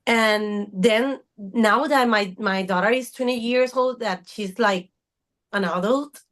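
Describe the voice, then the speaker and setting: A woman's voice: mid-range voice, takes it slowly, a bit bright. A woman in her thirties, a guest on a podcast, speaking earnestly and searching for her words. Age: 30s. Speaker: podcast guest, fitness coach. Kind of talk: casual interview talk.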